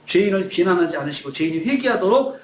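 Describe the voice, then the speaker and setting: A man's voice: high voice, lively intonation, fast talker, echoey room, slight background noise. A male pastor preaching a sermon, acting out quoted lines in shifting voices. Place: church sanctuary.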